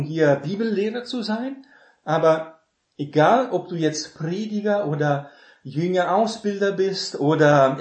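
A man's voice: fairly high pitch, a little mellow. Emphatic man preaching in an echoey room. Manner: emphatic, repeats key phrases, frequent filler "ne". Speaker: Bible teacher. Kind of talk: sermon.

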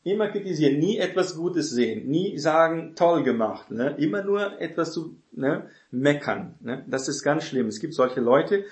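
Mann, lockere Bibellehre in hallendem Raum. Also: male voice, a little high, reverberant. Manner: conversational, frequent tag questions, acts out quoted voices. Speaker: preacher teaching on church elders. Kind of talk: informal Bible teaching.

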